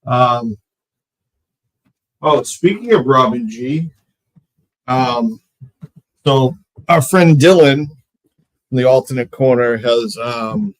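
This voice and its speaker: Mid-pitched man co-hosting, dry sound. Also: expressive, slow pace, long pauses, dry recording, low-quality recording. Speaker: show co-host. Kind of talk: casual chat.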